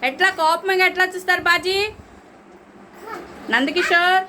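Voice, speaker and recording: A woman's voice: very high voice, measured pace. A woman teaching a class of young children, coaxing them and calling on each child by name. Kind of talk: classroom lesson. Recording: noisy classroom recording.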